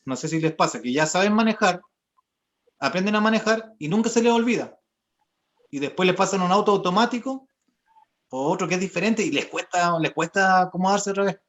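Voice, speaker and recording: Young guy coaching singers on a video call, high-ish voice, patient, explains step by step. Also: fairly quick, a bit bright. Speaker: voice therapist and singer giving a workshop. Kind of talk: explanatory online lesson. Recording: dull lo-fi video call audio.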